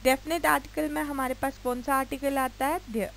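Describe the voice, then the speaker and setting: A woman with an Indian accent teaching English grammar in a video lecture. She explains each rule slowly and spells words out letter by letter. She stops often to ask her students quick checking questions. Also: high-pitched, steady tone, creaky, a bit bright, a little hiss or hum, low-quality recording.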